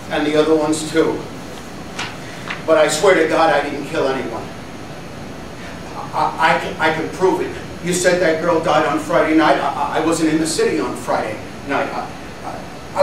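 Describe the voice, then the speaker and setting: An actor in his forties playing a desperate criminal suspect in a dramatic monologue, confessing with a halting, stammering, pleading delivery. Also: a little high, natural voice. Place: indoor studio against plain backdrop. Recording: roomy, distant mic, noisy air-conditioner hum.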